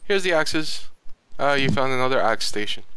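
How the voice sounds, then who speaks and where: A man's voice: medium pitch, lively intonation, normal speed, bright, forceful tone, clear, resonant tone, no room sound, low-quality recording. A man chatting casually as he plays a video game with a friend over voice chat. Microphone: voice chat call while gaming. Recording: background noise, clicking sounds.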